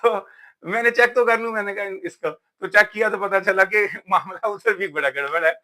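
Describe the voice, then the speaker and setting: A man's voice: high-pitched, bright, forceful tone. A man from Pakistan, giving a casual, emphatic talk about books in a vlog. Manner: emphatic, preachy, says "yaar" often. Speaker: vlogger.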